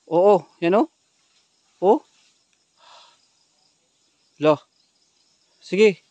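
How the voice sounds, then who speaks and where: A man's voice: high-pitched, drawn-out words, dark tone, highs cut off. A man on a ghost-hunting vlog, urgently giving tense commands to his companions outdoors in a forest. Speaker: ghost hunter.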